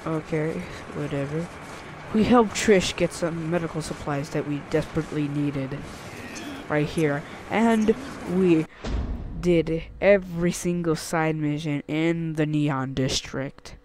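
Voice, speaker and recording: Excitable man narrating gameplay. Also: a little high, takes it slowly, noisy background. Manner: chatty, excitable. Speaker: gaming channel host. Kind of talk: casual gameplay commentary. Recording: commentary over loud game music. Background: game music.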